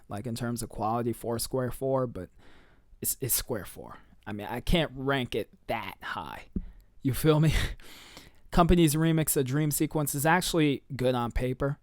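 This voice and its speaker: A man's voice: medium pitch, no room sound, clean studio sound. A young man giving casual, slangy commentary as he ranks tracks, with lots of fillers and trailing sentences. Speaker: music reviewer.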